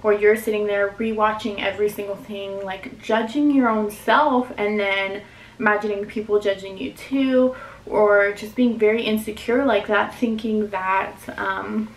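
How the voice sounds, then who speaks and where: A woman in her twenties speaks candidly to the camera in a casual vlog, emotional and near tears, her talk full of "like" and "um". Her mid-range voice is steady and unhurried, and the audio is poor with a roomy sound.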